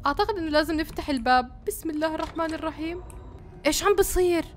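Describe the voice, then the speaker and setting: A woman's voice: very high voice, rapid-fire, slight background noise. A young woman with a Levantine Arabic accent, playing a horror game as a YouTuber and reacting jumpily, often shrieking and repeating words when scared. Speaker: gaming YouTuber. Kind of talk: let's-play commentary.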